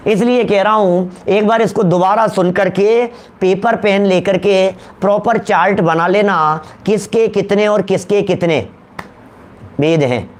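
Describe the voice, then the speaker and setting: A man a notably high voice teaches a religious lecture. He repeats key terms, slows down to drive them home and keeps putting questions to his listeners. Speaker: Jain scholar giving a discourse.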